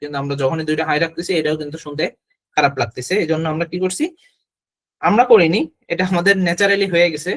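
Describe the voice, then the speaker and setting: A man leads a classroom lesson on Chinese tones. His voice sits a little high for a man, and he explains patiently, saying syllables aloud for the students to copy. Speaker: Chinese language teacher.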